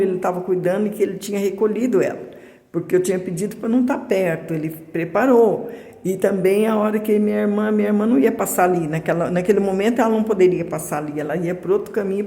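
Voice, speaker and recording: A woman giving a personal testimony to a church congregation, speaking in a halting, repetitive way and calling her listeners brothers and sisters. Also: mid-range voice, warm tone. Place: church hall. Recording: echoey church hall with long reverb.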